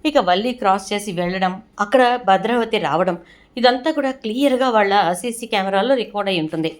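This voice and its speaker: A woman retelling a television serial episode in a plain, steady storytelling voice. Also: medium pitch, brisk. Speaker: serial recap narrator.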